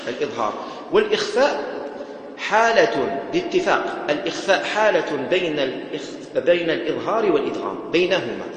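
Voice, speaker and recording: Man, slightly high voice, patient recitation teacher, booming mosque reverb. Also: big pitch swings, a little fast. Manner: patient, repeats points, chants short recitation examples. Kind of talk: lecture. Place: mosque prayer hall. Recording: echoey mosque hall with long reverb.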